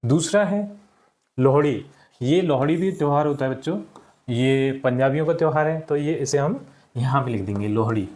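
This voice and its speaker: A man's voice: medium pitch, normal speed, a little mellow. A male teacher patiently walking children through worksheet answers, often repeating words and checking in with "ठीक".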